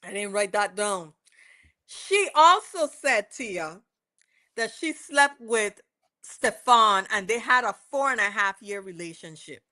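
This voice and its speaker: Animated but unhurried, this livestream host from the West Indies rambles through court testimony, often stopping to correct herself. Her mid-range voice comes across pushed and bright.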